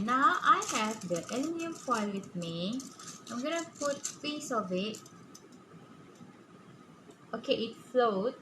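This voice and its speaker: A woman with a fairly high voice speaks very slowly in a kids show host manner, guiding young children through a simple demonstration. Her delivery is halting, with frequent little check-in questions. The recording has clear background noise. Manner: halting, often punctuated with "okay?". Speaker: preschool science teacher presenting a demonstration. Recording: clearly noisy room recording.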